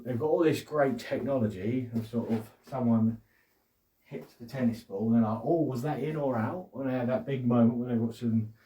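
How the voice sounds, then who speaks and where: A man's voice: medium pitch, dark tone, roomy sound, far from the mic. A man hosting a casual solo podcast, rambling and joking, often laughing and acting out little quotes. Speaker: podcast host.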